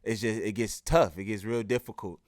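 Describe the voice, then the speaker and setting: A podcast host, a man, talks in a low, smooth voice with a close, dry sound. He is laid-back and slangy and keeps the conversation moving with easy, encouraging remarks. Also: moderate pace, no room sound. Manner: relaxed, slangy, affirming interjections. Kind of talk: casual interview conversation.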